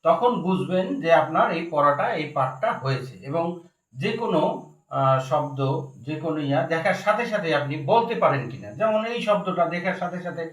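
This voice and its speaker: A man's voice: on the high side, expressive, a little fast. A man teaching Quran reading, spelling each letter and repeating every word three times. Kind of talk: recorded lesson. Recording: echoey room, voice from far off.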